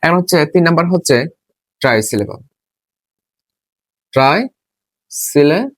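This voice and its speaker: A man's voice: fairly high pitch, normal speed, no room sound. Man drilling a lesson, spelling words aloud. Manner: repetitive, asks and answers his own questions. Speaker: English teacher. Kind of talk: spoken classroom lesson.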